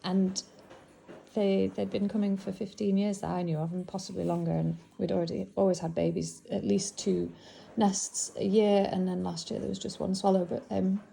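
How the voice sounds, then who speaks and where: Middle-aged northern English woman sorting antiques on camera, chatty and fond of her finds, warm gravelly delivery. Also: mid-range voice, flat delivery, moderate pace, slight background noise, poor audio. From England. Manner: chatty, musing aloud, fond of the items. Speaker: antiques seller. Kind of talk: casual narration while sorting antiques.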